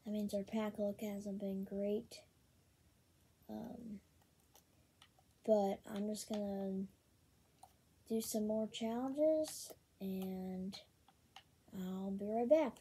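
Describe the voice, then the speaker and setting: Breathy woman, unhurried game commentary. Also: medium pitch. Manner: chatty, many ums, excited bursts over card pulls. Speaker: gaming channel host. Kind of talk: casual gameplay commentary.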